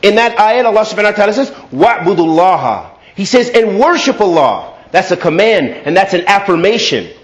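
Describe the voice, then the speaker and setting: A man with an American accent delivering a mosque sermon, switching from fast chanted Arabic openings to slow, measured English. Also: sits high, sing-song. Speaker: imam giving a Friday sermon. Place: mosque prayer hall.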